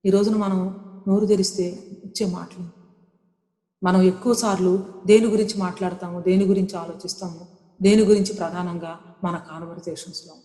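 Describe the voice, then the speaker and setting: A woman's voice: on the low side, little pitch movement, normal speed, long pauses, dark tone. Woman preaching, earnest, keeps repeating phrases, drops in english words, big echoey hall with long ringing reverb. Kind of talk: sermon.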